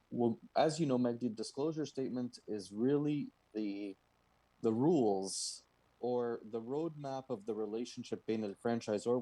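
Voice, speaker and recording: Slow-paced man. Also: on the low side, mellow, no room sound, low-quality recording. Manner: step-by-step explaining with rhetorical questions. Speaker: guest lawyer. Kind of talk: explanatory interview answers mixing English and Arabic.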